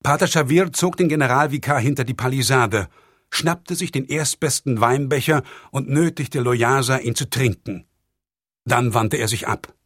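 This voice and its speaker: A man narrating a German audiobook with expressive storytelling. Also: mid-range voice, normal speed, no room sound. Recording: dry close recording.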